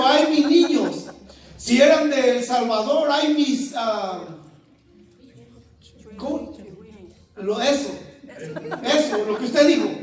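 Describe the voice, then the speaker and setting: High-voiced preacher in an echoey hall. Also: male voice. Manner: animated, shouts quoted lines, laughs while preaching, calls listeners "hermano". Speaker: pastor. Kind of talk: sermon. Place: church. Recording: very echoey church hall, heard from a distance.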